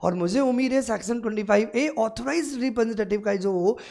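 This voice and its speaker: A woman law tutor giving an exam-prep lecture, acting out scenarios and quizzing the class, then reading legal text out slowly. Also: fairly high pitch, vocal fry. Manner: animated, acts out scenarios in first person and asks the class questions.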